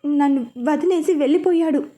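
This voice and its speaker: Woman voicing a heartbroken young wife, sobbing, high, soft. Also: normal speed, lightly acted. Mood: despairing. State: crying.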